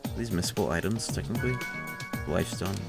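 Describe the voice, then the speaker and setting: A man's voice: low-pitched, fast talker, vocal fry, loud music behind the voice. A man streaming a video game, chatting casually and rambling into rants with plenty of swearing. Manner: rambling, ranty, swears freely. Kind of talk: casual livestream chat.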